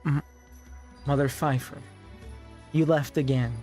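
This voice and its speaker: A man's voice: mid-range voice, steady tone, unhurried, mellow, soft background music. A man streaming a game, talking casually and grumbling to friends with heavy swearing. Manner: profane, grumbling asides. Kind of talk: casual gameplay commentary.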